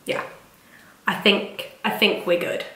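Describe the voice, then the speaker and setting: Speaking slowly, a young woman vlogger talks to camera in a loose, rambling way, full of ums and likes, her voice stuffy and nasal from a cold. The room is echoey and the background is noisy.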